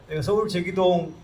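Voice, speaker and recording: High-voiced man joking between songs. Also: a little hiss or hum. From Seoul, South Korea. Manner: joking, chatty, drills the crowd in call-and-response chants. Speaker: labor singer performing at a rally. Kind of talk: live stage banter and chant leading. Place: outdoor public square at a rally. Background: loud band music.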